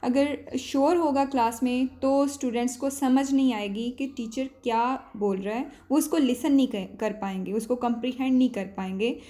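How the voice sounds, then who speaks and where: A woman with a somewhat high-pitched voice delivers a classroom-style lecture. She explains point by point in a steady, teacherly way. She pauses with small filler sounds and mixes English terms into her speech.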